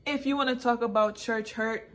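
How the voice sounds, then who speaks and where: A vlogger and author, born in Jamaica and raised in England and the United States, casually tells her own story, repeating phrases for emphasis and slipping into Patois. Her voice is a little high and a bit bright, with fairly even intonation and a moderate pace.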